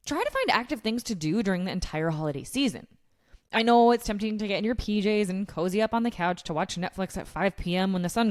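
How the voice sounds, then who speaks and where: A woman hosting a solo podcast, giving scripted fitness advice in a casual, blunt, sweary way. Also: mid-range voice. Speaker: podcast host giving fitness and nutrition tips.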